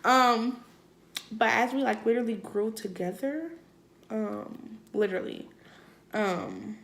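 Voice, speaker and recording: A woman with a fairly high, very bright voice hosts a casual vlog. Her talk is playful and slangy, with heavy creak at the edges. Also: slow pace, low-quality recording. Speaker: vlog host. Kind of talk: casual chat.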